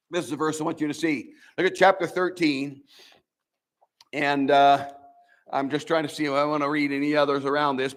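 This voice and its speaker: An older male pastor from the American Midwest delivers a sermon in a church, his voice nasal and fairly high. He preaches in a folksy, animated way, frequently restarting phrases as he works through the scripture.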